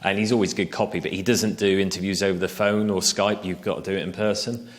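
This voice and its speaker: A man, a journalist from England, telling a relaxed, self-deprecating anecdote in a stage interview, with lots of fillers and asides. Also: sits low, fast. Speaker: freelance cycling journalist, interviewee. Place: festival stage interview, indoors.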